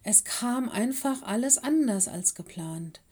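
A woman voicing a caring, busy fox headmistress and mother in a children's audiobook, brisk and motherly. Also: a little high, animated, dark tone, breathy edge, voice pushed up. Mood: chatty. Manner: brisk and motherly, stern with helpers.

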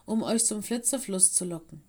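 A woman's voice: mid-range voice, moderate pace, warm tone, husky, close to an everyday voice. A woman reading an audiobook, voicing a scared young male ice wolf who stammers and pleads through sobs. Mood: tearful pleading. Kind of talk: audiobook character voice.

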